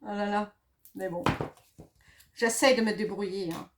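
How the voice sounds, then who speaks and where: Against some background noise, a craft demonstrator talks through a paper project in a steady, medium-pitched, unhurried voice. She is a middle-aged woman from Germany with a German accent, hesitant and casual, full of fillers and self-corrections.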